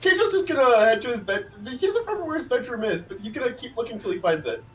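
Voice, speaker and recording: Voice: mid-range voice, sing-song, fast talker, a bit bright, reverberant, far from the mic. A player narrating their character's actions at a tabletop game, playful.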